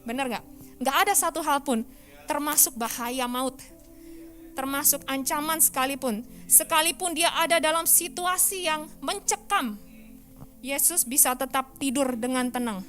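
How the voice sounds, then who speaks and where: A woman pastor giving a lively sermon in church, often asking the congregation questions. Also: sits high, moderate pace, faint music behind.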